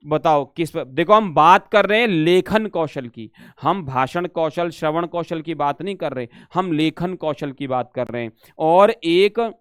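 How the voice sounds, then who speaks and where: A man's voice: fairly high pitch, smooth, dry recording, clean studio sound. Man teaching, coaxing students to answer. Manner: reads Sanskrit questions aloud then explains in Hindi; calls students "beta". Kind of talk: live online exam-prep lesson.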